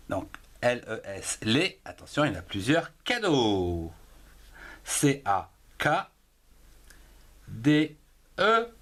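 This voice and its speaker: A middle-aged man teaching a spelling lesson, slowly spelling out words letter by letter and counting syllables. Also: mid-range voice, fairly bright tone. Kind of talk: dictation-style spelling lesson.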